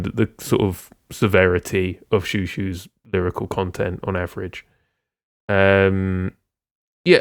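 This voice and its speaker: Low-voiced man, smooth and dry. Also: no echo. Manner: rambling, many ums and restarts. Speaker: podcast co-host. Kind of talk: casual music discussion.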